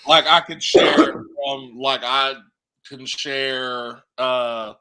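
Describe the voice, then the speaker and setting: A man's voice: mid-range voice, steady tone, slow, sharp tone, clear, resonant tone. A man co-hosting a casual podcast, laid-back and slangy, always adding "you know what I'm saying". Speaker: podcast co-host.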